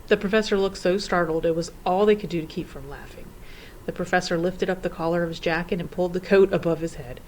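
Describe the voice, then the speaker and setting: A woman narrating a children's storybook in an expressive, theatrical way. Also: fairly low pitch, quick pace, slight background noise, poor audio. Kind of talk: storybook reading.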